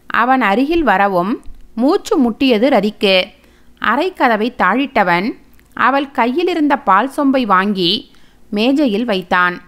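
Woman storyteller, novel reading, slow and measured, fairly high. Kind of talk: scripted reading of a family novel.

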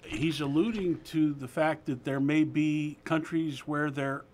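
A man co-hosts from a home studio over a remote feed, talking casually and stumbling over his words. His voice sits a little high for a man. Faint noise runs under the line. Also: steady tone, measured pace, a little mellow. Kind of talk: casual chat.

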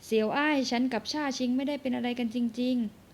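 Manga dub: stern young husband, curt and commanding, read by a woman in a high register. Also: quick pace, close to an everyday voice. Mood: apologetic.

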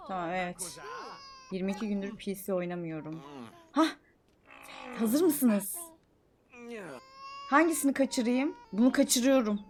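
A young woman streaming a life-sim game, chattering excitedly, scolding the characters and swinging from mutters to shouts. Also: medium pitch, a little slow, long pauses. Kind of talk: live gameplay commentary.

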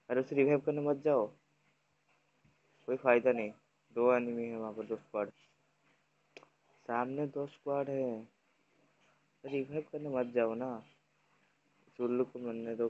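Streaming a mobile battle game, he gives live commentary to his audience while urgently yelling directions to teammates in an excited way. The recording is muffled, and his mid-range voice moves at a measured pace with frequent pauses.

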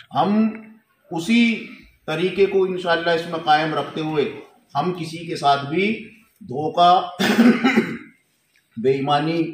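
A man, a goat farm owner, giving a formal and earnest thank-you speech into a handheld mic indoors, surrounded by a crowd. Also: on the high side. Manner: slow, earnest, formal Urdu phrasing. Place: indoor hall with a crowd of men. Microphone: handheld mic held close. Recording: echoey room with some noise.

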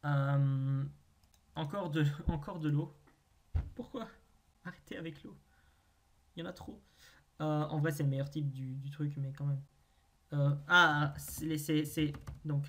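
Working through a naming quiz, a gaming video host thinks aloud in a medium-pitched voice. The delivery is hesitant, with drawn-out pauses and wry, self-mocking asides.

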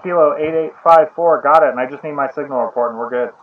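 A man working as an amateur radio operator, making ham radio calls outdoors in a park and repeating call signs slowly in phonetic letters. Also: a little high. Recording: muffled distant mic with loud noise.

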